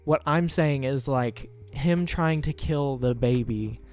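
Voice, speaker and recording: A man's voice: medium pitch, takes it slowly, a little mellow. Young man musing in casual podcast chat. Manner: hesitant, speculative, full of restarts. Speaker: podcast co-host. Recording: faint music under the voices. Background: faint background music.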